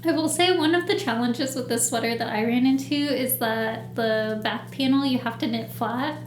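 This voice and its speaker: A woman's voice: fairly high pitch, moderate pace, a little hiss or hum. A woman co-hosting a podcast in a chatty, rambling casual chat. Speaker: podcast co-host. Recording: echoey room.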